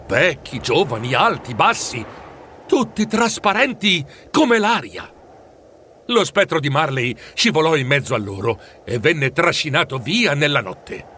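A man reading a storybook aloud in a lively, expressive way. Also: fairly high pitch, a little slow, a little hiss or hum. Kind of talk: storybook narration.

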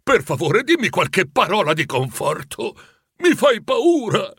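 A man voicing a frightened old miser who tries to act calm, speaking in a nervous, shaky way for a storybook reading. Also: a little high, a little slow, creaky, husky, dry recording, clean studio sound, heavily acted.

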